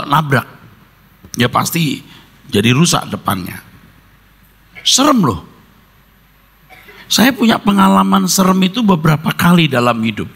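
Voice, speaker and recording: A male pastor preaches with a gravelly, husky voice and a lively, swooping pitch. He acts out his stories with sound effects and jokes. His voice rings out in a long reverb from a large church hall. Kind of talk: sermon with personal storytelling.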